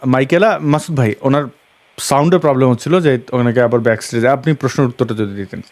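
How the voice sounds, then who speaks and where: A man's voice: mid-range voice, quick pace, darkish tone. A man hosting and moderating a question session, brief and polite as he hands over the floor. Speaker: host and moderator.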